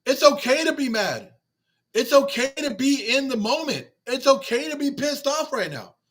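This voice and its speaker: A man's voice: extremely high pitch, expressive, normal speed, a bit bright. A man hosting a livestream after a game, talking emotionally and repetitively as he reads and answers chat comments. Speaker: fan channel host on a livestream. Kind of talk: livestream postgame rant.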